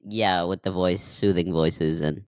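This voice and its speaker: A man's voice: deep voice, fairly even intonation, unhurried, darkish tone. A man from Nepal hosting a casual interview, friendly, laughing often and hesitating as he speaks. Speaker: podcast host.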